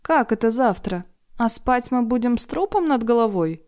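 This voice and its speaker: A woman's voice: a little high, lively intonation, normal speed, mellow, voice pushed up, natural voice. A woman voicing a curious, fussy female companion with pert, needling remarks.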